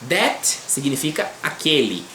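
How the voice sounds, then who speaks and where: A man with a Brazilian Portuguese accent teaching English grammar to beginners. He checks in often with quick tag questions and slows down to model pronunciation. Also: a little high, very animated, bright, forceful tone, roomy sound, slight background noise.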